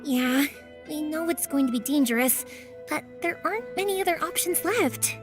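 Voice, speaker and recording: An actress playing a warm-hearted, chatty young woman in a video game, energetic and friendly. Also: sits high, normal speed. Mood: reassuring, careful. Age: young adult. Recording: music behind.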